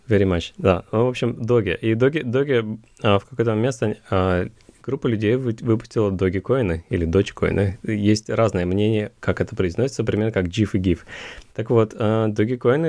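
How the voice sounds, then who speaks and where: A man co-hosting a casual podcast, explaining things in a calm, rambling way. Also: on the low side, no room sound. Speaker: podcast co-host.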